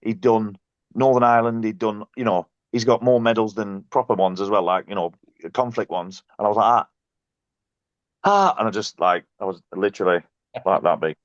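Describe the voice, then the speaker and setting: A man, a podcast guest and coach, telling self-mocking basketball stories in a casual, animated way. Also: on the low side, brisk, no room sound. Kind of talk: casual storytelling. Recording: dull, dry, lo-fi sound.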